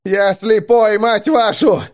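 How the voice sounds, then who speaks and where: A man voicing a panicky male truck driver whose nerves are fraying, shouting in fear. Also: fairly high pitch, normal speed, pitched above the performer's own voice, lightly acted. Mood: yelling.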